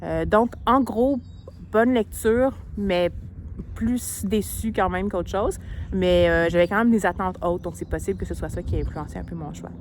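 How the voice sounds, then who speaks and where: A woman's voice: medium pitch, normal speed, a little mellow, a little hiss or hum. A young woman with a Québécois French accent, chatting casually in a book vlog, explaining things at length into a handheld phone. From Quebec. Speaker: book vlogger.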